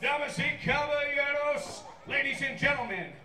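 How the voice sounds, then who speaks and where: A man doing lucha libre style ring announcing, booming out theatrical introductions and stretching out the names over a PA. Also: normal speed. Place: live wrestling event. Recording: distant echoey PA over music and crowd.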